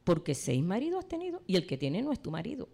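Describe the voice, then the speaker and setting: A woman preacher voicing Jesus, a calm adult male teacher, in measured scripture quotes. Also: mid-range voice, gravelly, heavily acted.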